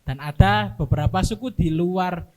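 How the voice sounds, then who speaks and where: A young man speaking as a guest on a casual podcast, explaining slowly and often checking in with "right?" tag questions. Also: high voice, a little mellow. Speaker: guest, dorm security staff.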